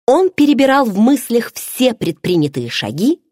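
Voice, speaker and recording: A woman narrating a first-person story as an audiobook, voicing the dialogue with lively shifts in pitch. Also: normal speed, dry recording, studio quality.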